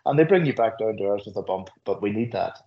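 A man's voice: on the low side, lively intonation, quick pace, dull audio. A middle-aged Northern Irish man, a school principal, speaking earnestly and telling anecdotes in an interview, often restarting his phrases. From Northern Ireland. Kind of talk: reflective interview conversation.

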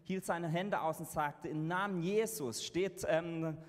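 A man interpreting a sermon live into German, halting and correcting himself as he goes. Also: fairly high pitch. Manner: halting, with fillers and self-corrections. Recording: reverberant hall sound.

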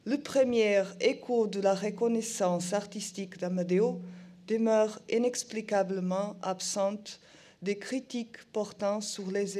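Slow, mellow woman with foreign Portuguese accent. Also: medium pitch. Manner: halting, non-native French with stumbles on words. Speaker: museum programme director giving a lecture. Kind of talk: prepared lecture, read aloud.

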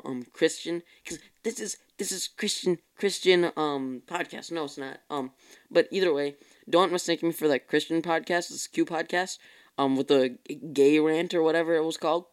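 A young man, clearly tired, talks solo on his podcast in an easygoing, meandering way, often backtracking to correct himself. He has a smooth, clear voice pitched a bit high for a man and keeps a moderate pace. The chat is relaxed and addressed right to his listeners.

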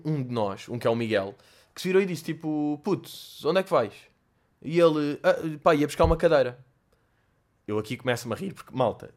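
Slangy young Portuguese man telling stories. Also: on the high side. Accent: European Portuguese. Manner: animated, slangy, laughing while telling stories. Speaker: podcast host and comedian. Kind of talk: casual solo podcast storytelling. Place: bedroom.

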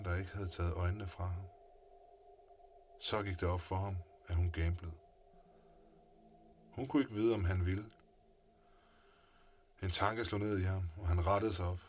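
A man narrating a scripted story in a calm, low-key way. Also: pauses often. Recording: music playing underneath.

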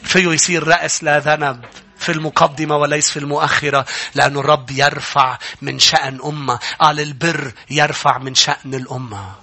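A middle-aged male pastor with a Lebanese Arabic accent, preaching a sermon that climbs into loud, emphatic passages and calls out for amens. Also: a little high, steady tone, brisk.

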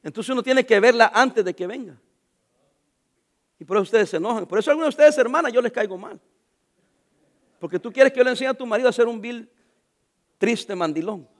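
A middle-aged male pastor, preaching a sermon in church, swinging from loud to quiet and joking with the congregation. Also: extremely high pitch, lively intonation, a little fast, long pauses.

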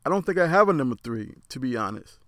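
A man's voice: mid-range voice, big pitch swings, quick pace, no echo, clean studio sound. Man with a lisp, rambling opinions. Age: adult. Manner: rambling, repeats words, frank and opinionated. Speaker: commentator. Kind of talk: casual opinion monologue.

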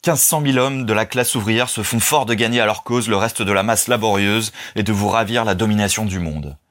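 A man reading a calm, commanding young orator. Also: lowish voice, a little fast, lightly acted. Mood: defiant. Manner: steady, forceful speechmaking.

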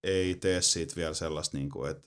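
A man in casual chat about video games, animated and swearing, jumping into high-pitched exclamations.

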